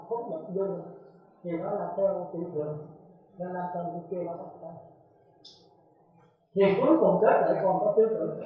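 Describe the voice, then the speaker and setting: A man, a Buddhist monk, giving a dharma talk with emphatic rhetorical questions to his listeners. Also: high-pitched. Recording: echoey, phone-like lo-fi recording.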